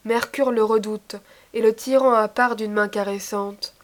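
A woman reading a classical myth aloud in a measured, formal storytelling manner. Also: on the high side, steady tone. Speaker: narrator. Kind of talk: scripted narration of a myth.

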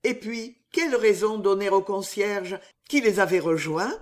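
A woman narrating a literary story, expressive and measured. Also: medium pitch.

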